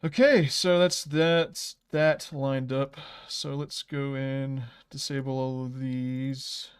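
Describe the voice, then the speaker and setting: A man hosting a casual livestream, rambling while he edits and often trailing off into soft mutters. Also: mid-range voice, level tone, slow, clean tone. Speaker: livestream host.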